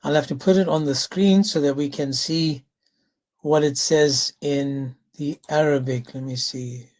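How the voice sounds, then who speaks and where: A man hosting a live religious debate, insistent and quick to interrupt, calling others bro and my man. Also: a little high, fairly even intonation, darkish tone. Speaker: debate host.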